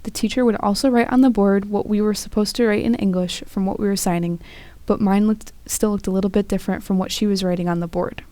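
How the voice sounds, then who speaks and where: A young woman, a student interpreter, voicing a first-person story in a plain, even way. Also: mid-range voice, fast talker, dry recording. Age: young adult.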